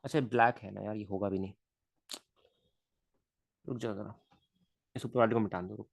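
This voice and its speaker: A man's voice: lowish voice, steady tone, moderate pace, gravelly, slightly rough, dry recording. A male physics teacher talking through a live online lesson. He chats casually and mutters to himself as he sketches diagrams. The sound is dry and close. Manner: chatty, mutters to himself while drawing.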